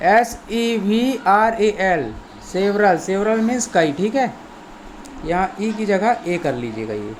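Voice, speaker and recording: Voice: medium pitch, lively intonation, takes it slowly, slight background noise. A teacher giving a language lesson who spells each word out letter by letter, then repeats it and gives its meaning, checking in often. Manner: patient and repetitive, often checks in with "theek hai". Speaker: English teacher. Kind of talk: language lesson explained in Hindi.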